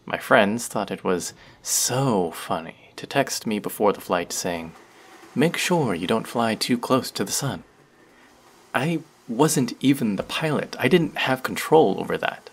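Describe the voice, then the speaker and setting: Here a man voices that same friendly, teasing barista, young and chatty, rambling playfully through a scripted audio roleplay. The performance is heavily acted, his lowish voice expressive and a bit slow, husky with vocal fry.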